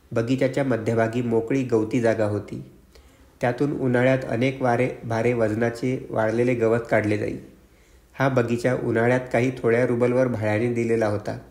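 A man narrating an audiobook in a steady, even reading voice. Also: mid-range voice. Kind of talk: scripted narration. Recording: roomy echo.

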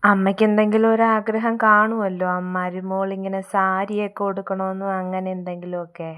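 A woman's voice: medium pitch, flat delivery, a little fast, smooth, narrow, tinny audio, close to an everyday voice. A woman playing a meek young husband caught between wife and mother in a comedy sketch, speaking in a hesitant, placating way.

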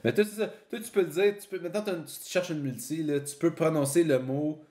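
Chill dude, swears a lot, bit high pitched. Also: male voice, quick pace, dark tone, echoey room. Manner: laid-back, swears casually. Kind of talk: casual chat.

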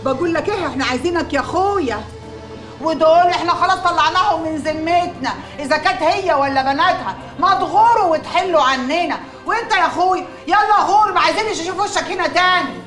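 A woman's voice: very high voice, quick pace, a bit bright, soft background music. An actress playing a fierce Upper Egyptian matriarch who scolds and screams at her family, in an Upper Egyptian accent. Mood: scolding. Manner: scolding, then screaming in grief. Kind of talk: TV drama acting. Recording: echoey set with drama score and crowd.

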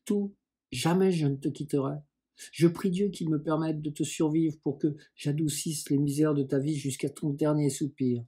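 A man's voice: a little high, fairly even intonation, moderate pace, mellow, slightly rough. A man reading as a devoted older sister. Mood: earnest. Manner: tender, earnest. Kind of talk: audiobook reading.

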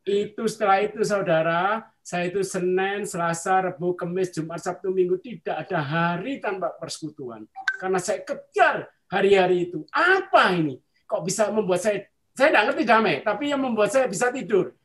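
Over a video call, a man with a high voice delivers an earnest faith testimony for a church at a moderate pace, frequently speaking straight to his listeners.

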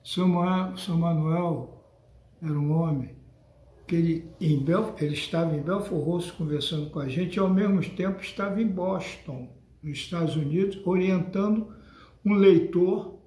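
A man's voice: fairly high pitch, moderate pace, mellow, echoey room. An older man with a Brazilian Portuguese accent lectures his followers on a spiritual book in an emphatic, scolding tone. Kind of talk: monologue addressed to followers.

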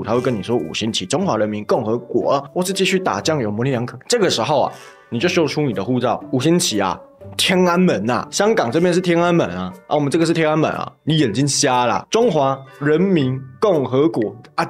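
A man, pitched a little high, delivers political commentary in a vlog. His voice swings widely up and down as he mocks and scolds sarcastically, with faint music under him. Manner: reads a social media post aloud with commentary. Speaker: YouTube commentator host.

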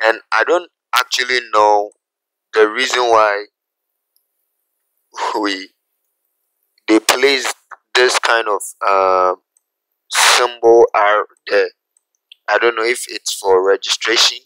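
A man teaching a graphic design software tutorial, talking through each step slowly and checking in with "okay?" as he goes. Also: on the low side, steady tone, clear, resonant tone, no echo, rough recording. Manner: unhurried, repeats steps, asks "okay?" often. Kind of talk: screen-recorded software tutorial.

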